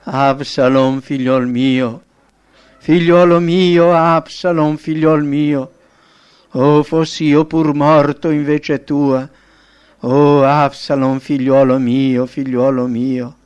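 A man voicing an aging king mourning his son, in a slow, drawn-out, wailing lament. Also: on the high side, level tone, a little mellow, clear, resonant tone, muffled recording. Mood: grieving. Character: grieving old King David, father mourning son.

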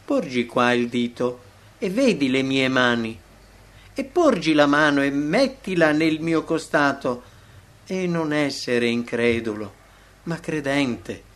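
A man voicing a calm, loving male teacher in a devotional reading, speaking slowly and softly. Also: medium pitch. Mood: gentle solemn.

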